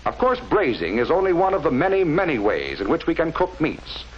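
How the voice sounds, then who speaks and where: Over a dull, slightly noisy vintage film soundtrack, a man narrates in the manner of a 1940s training film. His voice is a little high with huge pitch swings, and he explains in a measured, didactic way, carefully enunciating every term.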